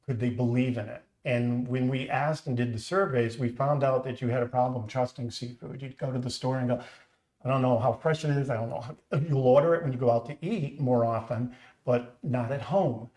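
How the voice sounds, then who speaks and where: Chatting earnestly on a casual live stream in his echoey home kitchen, a middle-aged company founder with a Boston accent shares his story. He speaks at normal speed in a steady, mid-range, darkish voice.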